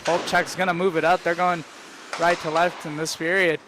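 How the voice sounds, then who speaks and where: A man's voice: on the high side, little pitch movement, moderate pace, background noise. A man calling live play-by-play for an amateur hockey game, matter-of-fact as he follows the action. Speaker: play-by-play commentator.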